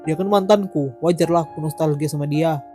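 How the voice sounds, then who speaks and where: Cartoon drama: woman playing a husband pining for his ex, mellow tone. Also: low-pitched, brisk, soft background music, voice pushed down, close to an everyday voice. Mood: defensive. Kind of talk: animated drama voice acting.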